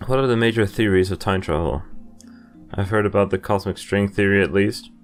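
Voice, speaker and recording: Reading a game's narration aloud with offhand asides, this twenty-something host talks a little fast in a lowish voice over soft background music. He records his playthrough in an indoor room, a webcam set in the corner.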